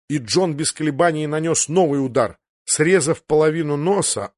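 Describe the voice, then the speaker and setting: A man reading a fantasy audiobook aloud in a steady, dramatic narration. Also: medium pitch, no echo, clean studio sound. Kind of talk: scripted narration.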